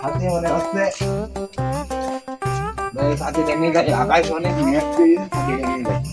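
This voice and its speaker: Belligerent drunk village layabout, male actor, high voice, rambling and grumbling, comedy skit with music behind. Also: steady tone, moderate pace, lightly acted. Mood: muddled, grumbling. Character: muddled village drunkard, grown son still living with father.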